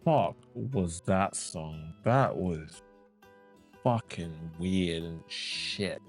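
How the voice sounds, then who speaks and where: A man's voice: low voice, very slow. A man reviewing music as a reaction host, blunt and full of swearing and exasperated outbursts. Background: faint music playing.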